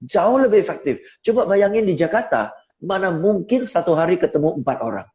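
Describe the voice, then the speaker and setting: Middle-aged guy coaching sales on a video call, lively, a bit high voice, kinda muffled audio. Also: brisk. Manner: lively, rhetorical, asks listeners to agree. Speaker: seminar speaker and sales coach. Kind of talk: live online talk. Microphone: phone on a tripod.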